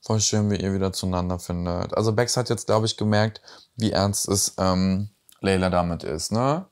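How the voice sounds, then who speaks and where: A man's voice: low voice, moderate pace, a little hiss or hum. A young man hosting a reaction video, commenting casually and teasingly on a reality show. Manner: chatty and teasing, tag questions.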